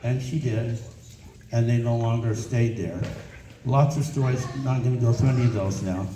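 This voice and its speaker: A man's voice: medium pitch, normal speed. An older American man with a grandfatherly, rambling way of talking tells family history informally, circling back and repeating phrases. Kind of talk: informal oral family storytelling. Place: echoey room, recorded from a distance. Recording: roomy, noisy, distant microphone, clicks.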